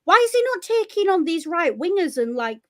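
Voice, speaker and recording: A woman's voice: very high-pitched, very animated, a little fast, no echo, clean studio sound. A woman co-hosting a podcast, giving blunt, opinionated commentary in casual chat. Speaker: podcast co-host.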